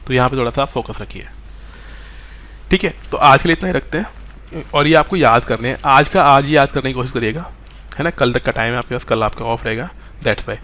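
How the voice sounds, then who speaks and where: A man's voice: medium pitch, fairly quick, pushed and bright. A man teaching a live online exam-prep class, mixing English terms into Hindi and often checking that students follow.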